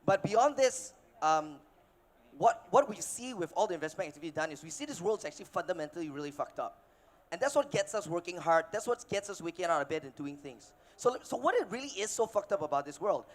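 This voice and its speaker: A man in his thirties from Malaysia, giving a casual, energetic keynote on a conference stage with filler words and restarts. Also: high-pitched, fairly quick. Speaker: keynote speaker, investor. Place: conference stage before an audience.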